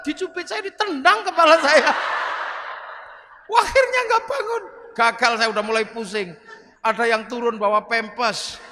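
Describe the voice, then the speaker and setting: A middle-aged man with a Javanese accent preaching a sermon full of jokes, animated and acting out the people in his stories. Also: extremely high pitch. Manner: animated, jokey, acts out voices. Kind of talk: humorous sermon storytelling. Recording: reverberant hall with faint noise.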